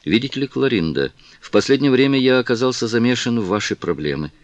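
A man reading the lines of a composed aristocratic gentleman who speaks slowly and with measured calm, in an audiobook. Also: medium pitch, dry recording, highs cut off, voice pushed up, close to an everyday voice. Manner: slow, measured, condescending calm.

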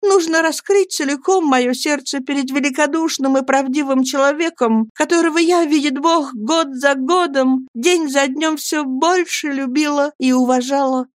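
A woman voicing a gentle young wife who pleads earnestly and with fervour, in an audiobook. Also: high-pitched, moderate pace, few pauses, no echo, studio quality, pitched above the performer's own voice, close to an everyday voice. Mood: tender. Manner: fervent, pleading.

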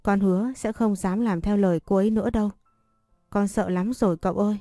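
A woman's voice: mid-range voice, fairly even intonation, a little fast, mellow, no echo, studio quality, soft background music, natural voice. A woman reading a storybook voicing a frightened teenage servant girl who stammers and pleads. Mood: pleading.

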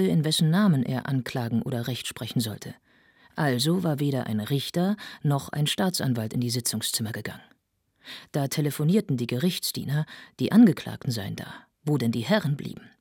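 A woman voicing a sober, skeptical man giving a dry, ironic account, with a slightly husky voice. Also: rumbling low, expressive, a little fast, a little mellow, dry recording, heavily acted.

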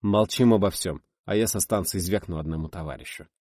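A man's voice: low-pitched, a little fast, a little mellow, no room sound, studio quality. A man voicing a serious, decisive male crew member in an audiobook. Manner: serious, firm.

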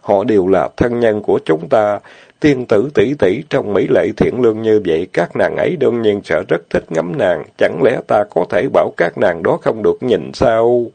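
A man's voice: fairly low pitch, expressive, moderate pace, gravelly, dark tone, husky, no echo, heavily acted. A man playing a cheeky young general. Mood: teasing, pleading.

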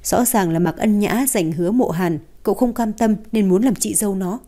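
A woman reading the part of a calm young mother who speaks softly and dryly, with a cutting edge. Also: fairly low pitch, natural voice. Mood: cool. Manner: soft, unhurried, dry.

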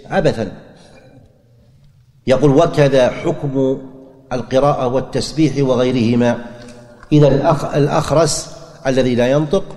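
A man's voice: mid-range voice, mellow. A man teaching a lecture on religious rulings, explaining step by step, repeating key phrases and asking and answering his own questions. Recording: long hall reverb.

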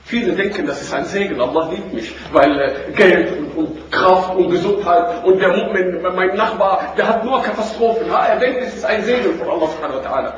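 A man preaching a sermon to a seated audience, moving between loud questions and low, quiet lines and quoting Arabic verses. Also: fairly quick, hardly any pauses, muffled recording, slight background noise. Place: room with an audience. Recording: echoey room recording from far off.

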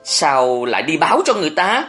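A woman's voice: low voice, big pitch swings, a little fast, a bit bright, soft background music, voice pushed up. A narrator voicing a bitter, suspicious young mother who scolds her brother in an audiobook. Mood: startled. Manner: scolding, reproachful. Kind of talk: audiobook character reading.

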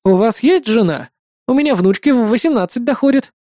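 A man's voice: extremely high pitch, animated, fairly quick, dark tone, no room sound, studio quality, voice pushed up. A man voicing chatty, nosy old grannies stuck in a cable car, speaking in a prying, fussy way.

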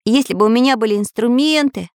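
A woman's voice: a little high, fast, no room sound, clean studio sound, lightly acted. A woman voicing a metal handyman figure who speaks earnestly and practically. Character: handy tin-man tinkerer who fears rust.

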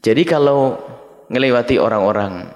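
A man's voice: medium pitch, expressive, normal speed, a little mellow. A middle-aged man preaching a dawn sermon, reading Arabic phrases and explaining them to his listeners as his children. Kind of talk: dawn sermon teaching from a text. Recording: long reverb of a large hall.

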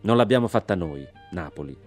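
A man reading as a gruff American soldier. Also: low-pitched, lively intonation, fairly quick, soft background music. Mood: curt.

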